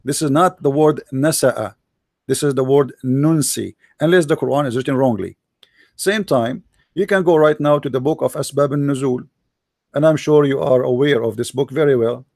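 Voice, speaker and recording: Pressing his opponent in a religious debate, this Arabic-accented host is forceful and argumentative, backing his points with quoted sources. He speaks at normal speed in a mid-range, creaky voice, in a dry, studio-quality recording.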